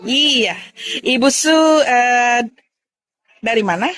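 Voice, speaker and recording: A woman's voice: fairly high pitch, takes it slowly, a bit bright. A woman hosting a casual, chatty interview, exclaiming and encouraging her guests.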